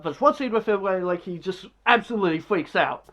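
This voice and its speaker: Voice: mid-range voice, animated, brisk, fairly bright tone, dull audio. A movie reviewer talking casually and bluntly, rambling with lots of filler words. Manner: blunt and dismissive.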